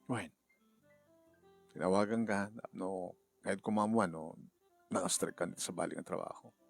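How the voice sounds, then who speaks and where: A firm, fair-minded company boss, played by a man in an audio drama, speaking with steady authority. His low voice is gravelly and husky, recorded close and dry. Faint music runs behind him. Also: moderate pace, no room sound. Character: middle-aged male company boss, firm but fair. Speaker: storyteller and voice actor.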